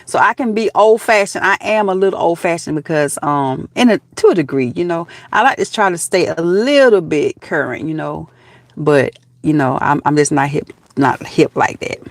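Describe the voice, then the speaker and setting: Speaking at a moderate pace in a deep voice, this woman from Georgia, USA, in her fifties and Southern-accented, chats casually with her live stream audience. She laughs frequently and calls people honey and baby, and the recording is dry.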